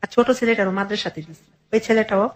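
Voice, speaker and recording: A middle-aged woman with a mid-range voice and a Bangladeshi accent talks fast. Guesting in an interview, she relates her life story earnestly and thoroughly, frequently quoting dialogue.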